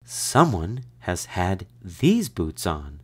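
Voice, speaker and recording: A man's voice: sits low, sing-song, very slow, husky, heavily acted. A man voicing a fussy, middle-sized mama polar bear in a storybook read-aloud, growling and huffing. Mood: huffy.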